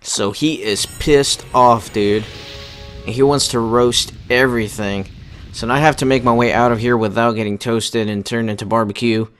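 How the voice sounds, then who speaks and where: A man's voice: medium pitch, fairly even intonation, moderate pace, a bit bright, faint music behind. A young man giving casual, laid-back commentary while playing a video game, talking colloquially. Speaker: gamer narrating a playthrough.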